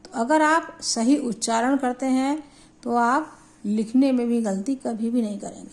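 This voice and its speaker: A woman teaching a Hindi grammar lesson, explaining slowly and deliberately and spelling out syllables for her students. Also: on the high side, a little mellow.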